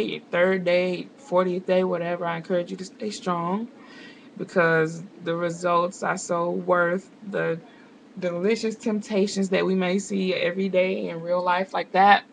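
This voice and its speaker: A woman's voice: on the low side, gravelly, slight background noise, low-quality recording. A young woman vlogging from home, chatting casually to camera with rambling, sarcastic asides. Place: home indoors.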